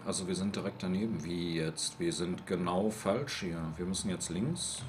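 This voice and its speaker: A man giving live gameplay commentary, talking to himself and jumping into shrill bursts of panic. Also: moderate pace, background noise. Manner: excitable, talks to himself, jumps up to shrill panic. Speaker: let's play host.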